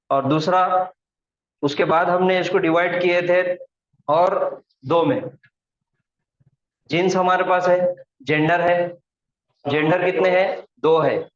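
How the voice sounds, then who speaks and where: A man's voice: fairly high pitch, a little hiss or hum. A man teaching Arabic grammar in a classroom lesson, patiently repeating each point and mixing in English terms. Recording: echoey room, dull lo-fi sound.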